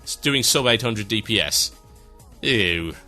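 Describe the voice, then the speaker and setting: A man hosting an internet radio show, reading out listener shout-outs with dry, sarcastic, mock-grand asides. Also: fairly low pitch, expressive, unhurried, soft background music.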